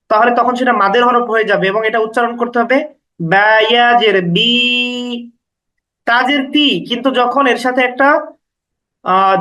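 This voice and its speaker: A man with a very high, bright and forceful voice teaches recitation rules. He goes through them patiently, one after another, repeating each point and stretching out the example sounds. His stays even throughout the lesson. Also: poor audio. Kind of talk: step-by-step lesson explanation.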